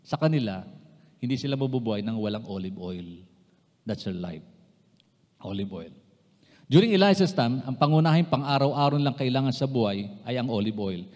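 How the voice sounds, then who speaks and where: A mid-pitched male pastor from the Philippines preaches to his congregation, switching between Tagalog and English. He repeats key phrases for emphasis and speaks politely to his listeners. His voice carries a long reverb from the church hall. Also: animated, moderate pace, a little mellow. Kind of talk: sermon. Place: church sanctuary.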